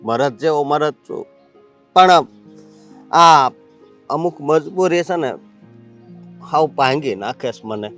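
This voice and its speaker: A man's voice: fairly high pitch, animated, takes it slowly, pauses often, a bit bright, soft background music. A man playing a troubled young man burdened by family duty. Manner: troubled, earnest. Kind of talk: rural family stage drama.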